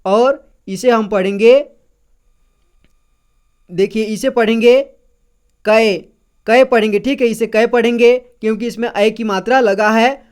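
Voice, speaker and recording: Reading teacher, very slow, crisp clear voice, repeats syllables, patient chart drill. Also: medium pitch, fairly even intonation, a little mellow. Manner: checks in with "theek hai" after each point.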